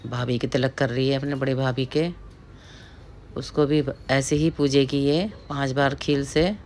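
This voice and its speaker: A woman's voice: rumbling low, darkish tone, a little hiss or hum. A middle-aged woman from the hills, chattily narrating a family ritual in a casual voice-over and often addressing her viewers as friends. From Pahari hill region of India.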